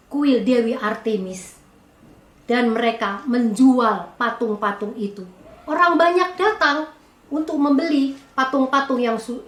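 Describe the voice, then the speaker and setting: Slow high-voiced woman preacher. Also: reverberant. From Indonesia. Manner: slow storytelling sermon, rising emphasis on key words. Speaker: church elder preaching. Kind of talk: sermon to a women's fellowship.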